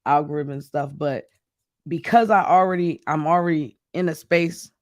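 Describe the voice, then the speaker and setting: A young man from the Midwest, hosting a casual chat and telling stories in a chatty, excitable, animated way. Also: on the high side, moderate pace, no room sound, clean studio sound.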